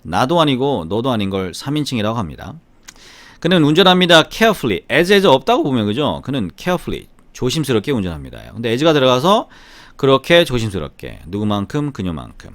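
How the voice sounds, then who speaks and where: Brief: middle-aged male English tutor, slight Gyeongsang accent, animated sing-song delivery, dry close sound. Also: mid-range voice, brisk, no echo. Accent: slight Gyeongsang Korean, mostly Seoul-like. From Gyeongsang, South Korea. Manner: lively, chatty, often asks "right?". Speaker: English grammar teacher. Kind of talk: grammar lesson with repeat-after-me drills.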